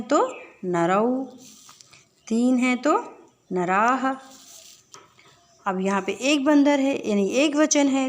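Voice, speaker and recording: A woman teaching a children's lesson, patiently asking the children questions and then answering them herself. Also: on the high side. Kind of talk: classroom lesson explanation.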